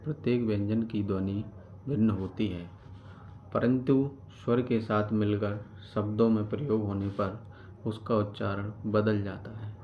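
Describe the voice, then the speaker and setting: Flat, low-voiced male teacher. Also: measured pace. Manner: explains step by step, repeats key terms, asks and answers his own questions. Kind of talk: classroom grammar lesson. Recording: dull lo-fi recording with background noise.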